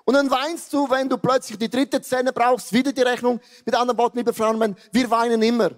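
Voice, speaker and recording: Swiss german pastor in his 50s, really high voice, animated joking sermon, echoey big hall. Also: brisk. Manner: animated, joking, switches between low quiet asides and raised exclamations. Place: large church hall. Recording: long hall reverb.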